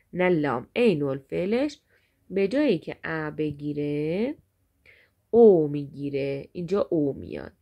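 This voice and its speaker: A woman teaches grammar to her students, speaking to them directly and drawing out each example word slowly so they can repeat it. Her voice sits a little low, with a gravelly, creaky texture. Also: a little mellow. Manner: repeats words slowly and stretched for drill. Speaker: Arabic teacher.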